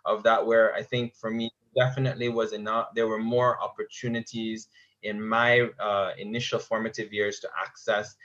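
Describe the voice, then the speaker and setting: A man's voice: fairly low pitch, little pitch movement, moderate pace, a bit bright. A man, speaking as a guest in a thoughtful conversation and often restarting his sentences. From Caribbean. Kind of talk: reflective conversation. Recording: dull lo-fi audio.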